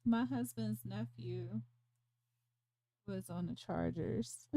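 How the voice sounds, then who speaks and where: A woman's voice: mid-range voice, takes it slowly, vocal fry, mellow, no room sound. A woman hosting a casual crochet livestream from home, chatting, laughing often and counting stitches aloud. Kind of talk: casual chat while crocheting.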